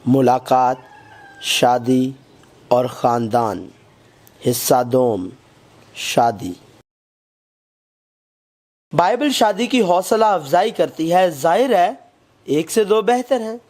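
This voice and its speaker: A man reading a scripted Bible lesson in a measured, even way, quoting scripture as he goes. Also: medium pitch. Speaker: Bible study narrator.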